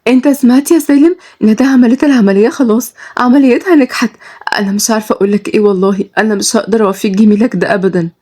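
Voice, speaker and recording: A woman's voice: on the low side, fairly even intonation, rapid-fire, a little mellow, husky. A woman voicing a kind, devout young woman who speaks sincerely and reassuringly in Egyptian Arabic. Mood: overjoyed.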